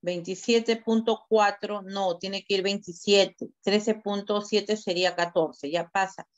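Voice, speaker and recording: This is online class feedback recorded as dull lo-fi video call audio. A woman teacher speaks slowly in a mid-range voice with fairly even intonation, directly correcting student work and walking through the fixes step by step.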